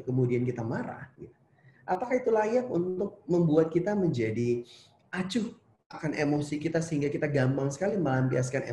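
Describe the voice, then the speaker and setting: A man's voice: on the high side, mellow. A man, a psychologist, giving a conversational online seminar lecture to students and posing rhetorical questions. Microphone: video call. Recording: roomy echo.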